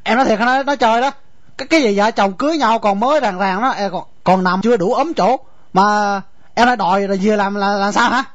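A man voicing a stubborn young village husband with a Southern Vietnamese accent, stammering and halting as he pleads. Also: fairly high pitch, no room sound, lightly acted. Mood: pleading. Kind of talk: radio drama acting. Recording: dull dry lo-fi recording, faint music.

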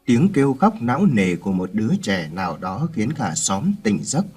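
Mellow, husky man narrating a ghost story. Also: on the low side, moderate pace, faint music behind. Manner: dramatic, expressive reading.

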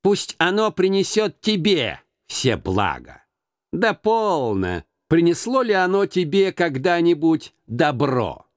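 A man's voice: on the high side, big pitch swings, takes it slowly, dry recording, pitched above the performer's own voice. A man voicing a stingy, grumpy old male miser who speaks curtly and with scorn, in a dry audiobook reading. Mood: scornful. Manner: curt, scornful, snapping.

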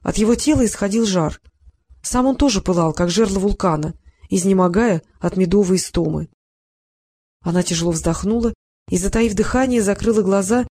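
An audiobook narrator reading a romance novel in a steady, expressive way. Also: medium pitch.

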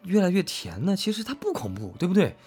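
One of an audio drama's voice actors, a man, co-hosts a casual fan talk about it, effusive and rambling, repeating himself for emphasis. His voice sits high with huge pitch swings, fast, a little mellow and breathy. Faint music plays behind him.

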